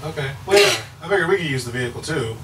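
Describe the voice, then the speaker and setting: Guy player talking through plans, a bit high, far mic and hiss. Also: lively intonation, very fast. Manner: chatty, thinks aloud, plans out loud. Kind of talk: casual tabletop game chat.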